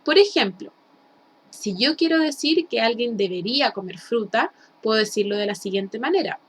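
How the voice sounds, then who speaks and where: A woman with a Chilean Spanish accent teaching English in a recorded lesson, explaining slowly and having students repeat words. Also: a little high, lively intonation, slightly rough.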